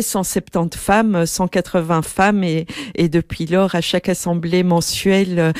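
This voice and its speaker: A woman's voice: on the low side, darkish tone, no echo, studio quality. A woman hosting a radio interview, hesitant with many fillers, speaking into a headset. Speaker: radio host.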